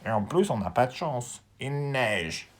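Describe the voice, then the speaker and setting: A man's voice: mid-range voice, very animated, unhurried, pitched above the performer's own voice. A man voicing a chatty, eager young female frog, in a children's storybook reading.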